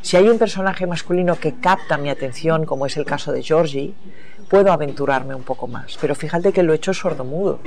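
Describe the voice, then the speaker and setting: A woman's voice: sits low, brisk, a little mellow. American-born woman novelist musing thoughtfully. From United States. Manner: thoughtful, searching, trails off and restarts mid-thought. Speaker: novelist being interviewed. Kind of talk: reflective interview talk.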